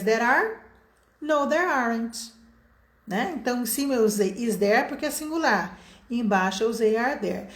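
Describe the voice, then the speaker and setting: Middle-aged Brazilian woman, English teacher, patient and explanatory, slightly high voice, roomy echo. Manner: explains patiently, stretching out example sentences slowly. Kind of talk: online English lesson.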